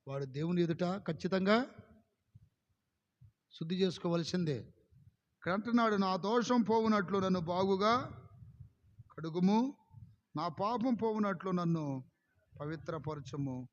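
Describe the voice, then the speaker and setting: A man preaching a sermon as pastor, with impassioned delivery that swings suddenly in loudness and pace. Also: sits high, measured pace, long pauses. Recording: dull lo-fi sound with long hall reverb.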